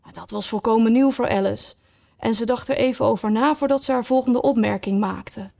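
Woman, storybook narrator, calm and measured, fairly high voice. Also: creaky. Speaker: audiobook reader.

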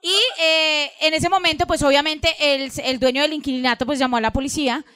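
Colombian woman telling a wild story on a live comedy podcast, high voice, swears a lot, dry close sound. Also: fairly quick, no echo. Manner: animated, profane, acts out quotes. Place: live show venue, Bogotá.

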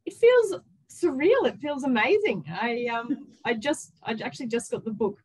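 An excited, chatty woman with an Australian accent, telling personal stories casually as an interview guest. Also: high voice, normal speed, slightly rough, poor audio. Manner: excited, chatty, with quoted self-talk. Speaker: interview guest, author and workplace culture consultant.

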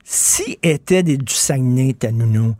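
A man with a Québécois accent hosting a casual interview, chummy and animated with frequent stammers. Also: mid-range voice, moderate pace, no echo, studio quality. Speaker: radio host.

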